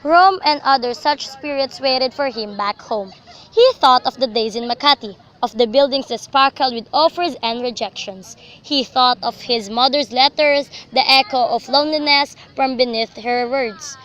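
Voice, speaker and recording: In a faintly noisy amateur recording, a young woman narrates a dramatic, scripted story for a student radio drama. Her voice is high and a bit bright, moving at a moderate pace.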